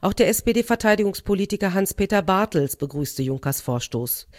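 A woman correspondent reading a scripted news report in a formal, measured newsreader manner. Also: mid-range voice, expressive, darkish tone, dry recording, studio quality.

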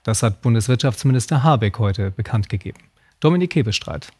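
A man presenting the news as anchor, with a measured, emphatic scripted delivery. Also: medium pitch, animated, a little mellow, breathy edge.

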